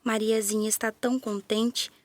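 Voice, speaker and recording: A woman with a Brazilian Portuguese accent narrating a children's story in a gentle, playful way, with little sound effects. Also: on the high side, flat delivery, moderate pace.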